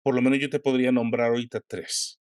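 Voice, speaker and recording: A man hosting a conversation, asking questions and pausing to search for words. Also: mid-range voice, flat delivery, a little mellow, dry recording, clean studio sound. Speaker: host. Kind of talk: interview questions.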